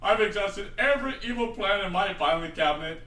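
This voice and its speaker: A man's voice: high voice, animated, fairly quick. Man doing a ranting tiny villain plankton. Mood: scheming. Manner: ranting, gleeful, shouts and cackles. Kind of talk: amateur fan voice acting. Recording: echoey room, mic at a distance.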